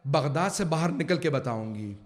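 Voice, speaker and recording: Male preacher doing a grieving mother, tender and urgent, raised pitch. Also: expressive, natural voice. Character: grieving devout mother in a perilous era.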